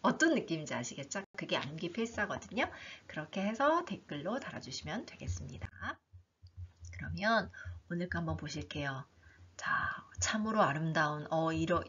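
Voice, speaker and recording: A woman teaching an English book in a lively online lesson, reading lines aloud and explaining them, often voicing the learners' questions herself. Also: sits low, moderate pace, a little hiss or hum. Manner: animated, talks herself through learners' questions. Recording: dull lo-fi recording.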